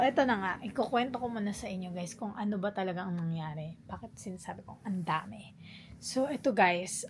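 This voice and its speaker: A young woman vlogger telling a story casually, chatty and animated, mixing in English phrases. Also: medium pitch, slight background noise.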